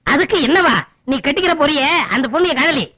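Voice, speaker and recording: An actor playing a scheming rival turned politician in a comic film, taunting and mocking. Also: male voice, extremely high pitch, fast talker, bright, forceful tone.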